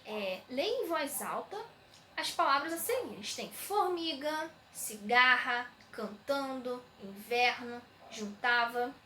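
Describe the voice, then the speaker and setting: A woman's voice: high-pitched, animated, takes it slowly, background noise. A woman teacher, patiently explaining textbook exercises to young students, often saying "né". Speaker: schoolteacher. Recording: echoey room.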